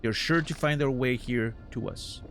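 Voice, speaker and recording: A man's voice: mid-range voice, moderate pace, a bit bright, soft background music, natural voice. A man voicing a grandiose, courteous flea caravan master from a video game, with a theatrical, flowery showman delivery. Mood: delighted. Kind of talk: dramatic read-aloud of video game dialogue.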